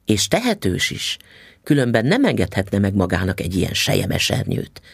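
A man's voice: fairly low pitch, huge pitch swings, gravelly, slightly rough, no echo, studio quality, full character voice. A man reading an audiobook, voicing a stern, suspicious mother who talks curtly and snaps when angered. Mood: admiring. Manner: curt, snapping, indignant. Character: stern, suspicious middle-aged mother, snappish.

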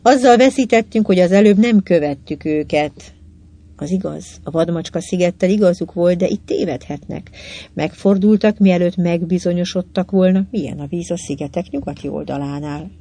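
An audiobook reader giving scripted narration in an even, measured way, lightly voicing the dialogue. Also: medium pitch.

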